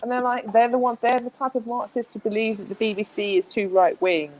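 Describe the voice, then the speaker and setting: A woman's voice: on the high side, fairly even intonation, fairly quick, darkish tone, slight background noise, poor audio. A woman speaking as a guest in a casual interview, chatty, with many restarts and fillers.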